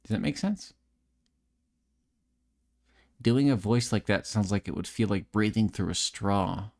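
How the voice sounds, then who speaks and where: A man with a lowish voice and vocal fry speaks at a measured pace on a late-night stream. He chats frankly, restarting sentences and repeating words, swearing freely and poking fun at himself.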